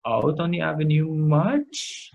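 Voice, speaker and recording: Tipsy, halting Trinidadian man in casual chat. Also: on the high side, very animated, creaky, a little mellow, a little hiss or hum. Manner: tipsy, halting, searching for words. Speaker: guest in a makeup challenge video.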